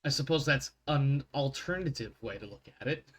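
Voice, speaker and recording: A man acting as game master and show host leads casual group banter, swearing freely and often cutting himself off. His mid-range voice is brisk and animated.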